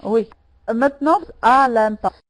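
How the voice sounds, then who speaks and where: Slow, patient woman teaching French. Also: on the high side, poor audio. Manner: patient, repeats words and corrects students by name. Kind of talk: online language lesson.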